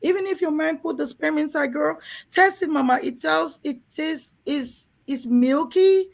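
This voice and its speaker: High, slightly slow, and creaky, this woman's voice belongs to a host from Cameroon. She speaks frankly to women in a room in an earnest, coaxing way, often turning to the ladies among her listeners.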